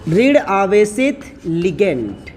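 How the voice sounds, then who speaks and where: Soft music plays in the background as a man teaches chemistry, writing on a board and speaking extremely slowly in a high-pitched, a little mellow voice with big pitch swings. He keeps asking the class questions, answers them himself, and calls his students son and brother.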